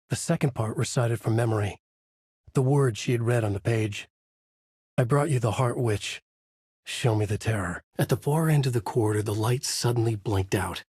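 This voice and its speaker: In a dry, clean studio recording, a medium-pitched actor plays a tormented writer from a horror game. He tells the grim story slowly and deliberately in a husky, serious noir voice, acting it only lightly.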